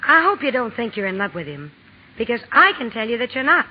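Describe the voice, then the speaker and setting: A high-voiced young tomboy sister in old radio drama style. She is blunt, spirited and emphatic, with a husky edge. The recording is dull and dated. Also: very animated, fairly quick. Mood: bossy, teasing. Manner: emphatic, plain-spoken. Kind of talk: 1940s radio drama acting.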